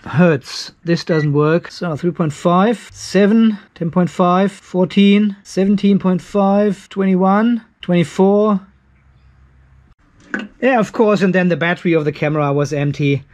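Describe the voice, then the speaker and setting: Working in a metal-roofed garage workshop, a man in his fifties hosts a DIY video, chatting informally and thinking out loud as he goes. His voice sits high and sounds unhurried and a little mellow, with some background noise from the workshop.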